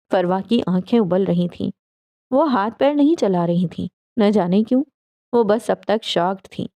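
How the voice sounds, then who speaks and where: A woman's voice: mid-range voice, gravelly, mellow, no room sound, studio quality. Woman narrating a dramatic novel. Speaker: audiobook narrator.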